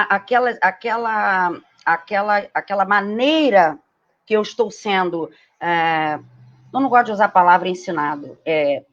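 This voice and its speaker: A woman with a Brazilian Portuguese accent giving a live-stream lecture, lively and explanatory, often checking in with tag questions. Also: medium pitch. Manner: animated, frequent tag questions, acts out quoted voices. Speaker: host giving a lecture on learning. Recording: dull lo-fi live-stream audio.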